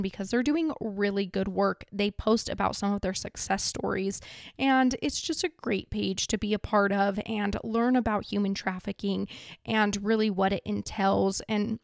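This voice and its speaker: Creaky-voiced woman podcaster with soft R's. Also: medium pitch, dry recording, clean studio sound. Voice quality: trouble pronouncing R's, says them like W's. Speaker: podcast host. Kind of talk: casual podcast talk.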